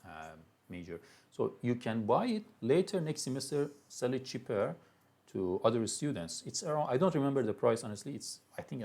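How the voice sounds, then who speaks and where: A man's voice: on the low side, creaky, warm tone. Persian-accented man giving a lecture. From Iran. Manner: loose, chatty lecturing with many restarts and fillers. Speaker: university lecturer. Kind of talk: live classroom lecture.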